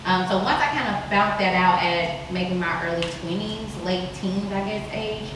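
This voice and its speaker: A woman's voice: medium pitch, normal speed. Tennessee woman on a panel, lots of ums, mic far off, noisy echoey hall. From Nashville, Tennessee. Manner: relaxed, hesitant with ums. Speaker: juice bar owner on a panel. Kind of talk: panel introduction and answers. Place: indoor event venue.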